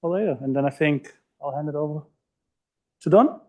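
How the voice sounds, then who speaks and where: A man wrapping up his conference talk in a relaxed, brief way and handing over to the host. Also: fairly high pitch, brisk. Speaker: speaker. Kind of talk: closing a talk.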